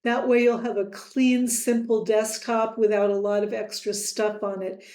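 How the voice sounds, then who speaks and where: A woman tutoring software in a screen-recorded lesson, friendly, with quiz-style asides to the viewer. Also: medium pitch, little pitch movement, normal speed, reverberant.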